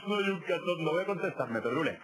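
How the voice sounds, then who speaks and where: A man's voice: a little high, lively intonation, fairly quick, over loud music, lightly acted, poor audio. A man with an accent from Spain playing a cocky, oddball braggart as a guest in a comedy talk show sketch. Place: TV studio.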